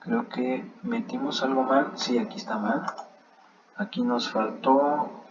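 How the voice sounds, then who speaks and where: A man's voice: mid-range voice, steady tone, slow. A man teaching a math lesson over a screen recording, thinking aloud as he checks his work. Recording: slightly dull sound with faint background noise.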